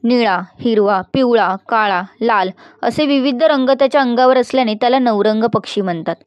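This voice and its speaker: A calm, knowledgeable male forest guide in a storybook reading, voiced by a woman narrator. He explains steadily and firmly. The voice sits a little high and sounds dry and close. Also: normal speed, dry recording, lo-fi sound, close to an everyday voice. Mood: informative.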